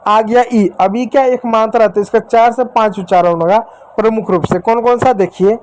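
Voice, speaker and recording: A man with a high, slightly mellow voice and fairly even intonation gives children a Hindi-language phonics lesson on English letter sounds. He is slow and patient, repeats example words, and keeps checking in with "ठीक". The recording is rough, with slight background noise.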